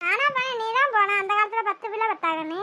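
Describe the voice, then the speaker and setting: Cartoon grandmother, elderly and blunt, voiced by a woman, very high, bright and lecturing. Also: animated, fast talker, heavily acted. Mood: scolding. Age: older. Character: old village grandmother, blunt, scolding.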